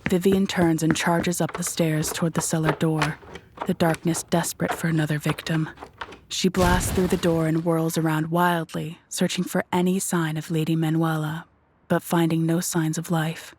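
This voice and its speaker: A woman reads a horror audio drama from a script at a moderate pace. Her fairly low voice stays very even even during dramatic scenes, and faint background noise sits underneath.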